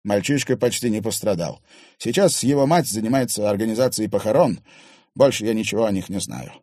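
A scheming middle-aged father talks in a soothing, falsely gentle way, as a male audiobook reader puts him on. The voice is dark and husky, recorded dry. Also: fairly low pitch, a little fast, no echo, natural voice. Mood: defensive.

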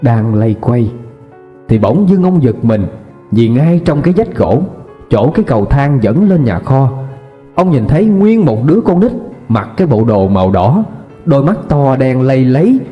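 A man's voice: mid-range voice, big pitch swings, normal speed. A man narrating a ghost story in a dramatic, suspenseful way. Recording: dull lo-fi with faint music.

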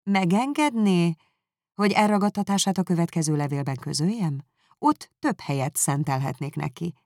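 A woman reading aloud, voicing a reserved, proud young gentleman who speaks in a cool, measured way. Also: lowish voice, animated, no echo, clean studio sound. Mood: curt. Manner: cool, measured, dryly critical.

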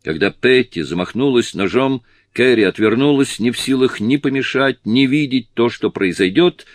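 A man reading a novel aloud in steady, measured audiobook narration. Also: medium pitch, dry recording, studio quality. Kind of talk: scripted narration.

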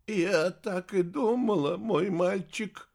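A man's voice: sits high, slow pace, creaky, pitched above the performer's own voice, heavily acted. A man playing a tearful old sorceress mother. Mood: tender tearful. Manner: soft, tearful, pleading. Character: tender old woman sorceress, a grieving mother. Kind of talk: audiobook character voice.

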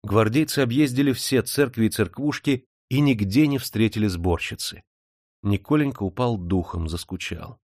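A man's voice: normal speed, no room sound. Man reading an audiobook, dry close sound. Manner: animated, raises pitch for excited dialogue. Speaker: audiobook narrator. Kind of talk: audiobook reading with character voices.

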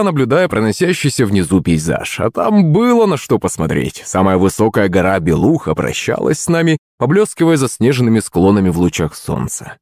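A man narrating a first-person fantasy audiobook in a wry, expressive storytelling manner. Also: fairly low pitch, no echo, studio quality.

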